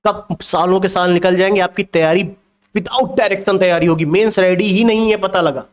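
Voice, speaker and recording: A man's voice: high-pitched, steady tone, normal speed. A man teaching exam preparation, lecturing emphatically and firing rhetorical questions at his students. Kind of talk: motivational exam-prep lecture.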